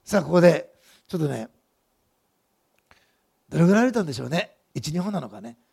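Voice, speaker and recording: Husky, high-voiced male preacher. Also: brisk. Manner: lively storytelling preacher who asks the congregation questions. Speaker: pastor. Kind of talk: sermon.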